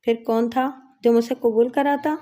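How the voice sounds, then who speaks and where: A woman's voice: on the high side, fairly even intonation, mellow, lightly acted. A woman reading the lines of a brash, shameless woman inmate who boasts and mocks. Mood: boastful. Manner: boastful, mocking.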